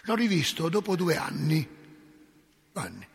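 An older male priest delivers a sermon in a very husky, somewhat high voice. He tells his stories dramatically, sinking to hushed whispers and then bursting into loud exclamations. His words ring out with a long reverb, as if they fill a large church. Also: sing-song, unhurried.

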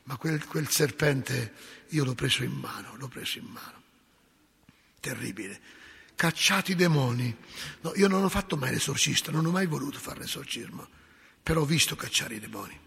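An older man, a priest, preaching a sermon with dramatic storytelling, dropping to hushed whispers and rising to loud exclamations. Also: medium pitch, animated, normal speed. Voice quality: husky. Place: church. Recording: long echoing church reverb.

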